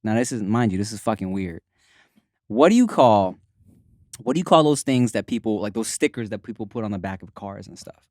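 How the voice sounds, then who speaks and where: A man's voice: lowish voice, animated, a little fast, darkish tone, no echo, studio quality. A man with a Los Angeles accent hosting a casual, slangy podcast chat. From Los Angeles, USA. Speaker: podcast host.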